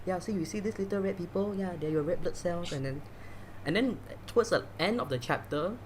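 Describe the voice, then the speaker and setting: In a casual conversational interview, a Malaysian man serving as podcast host speaks fairly quickly in a high-pitched voice. His talk is chatty and loose, packed with fillers and false starts, over faint background noise.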